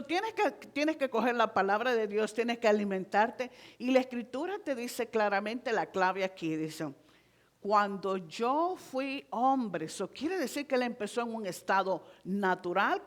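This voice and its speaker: A woman's voice: medium pitch, expressive, moderate pace, few pauses. A woman preaching a Spanish-language sermon in a church, talking conversationally and constantly checking in with the congregation, slipping in English words like "so".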